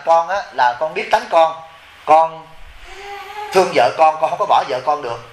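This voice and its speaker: A man, a Buddhist abbot, telling a lively anecdote in a sermon and acting out the quoted people. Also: a little high, a little hiss or hum. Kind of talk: storytelling sermon. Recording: echoey room with faint ambience.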